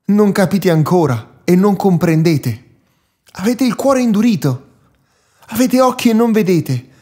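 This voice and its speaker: A man's voice: on the high side, normal speed, warm tone, natural voice. A man reading the words of Jesus as a grave, patient teacher in a solemn, admonishing Bible reading. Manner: solemn, admonishing, rising in reproach.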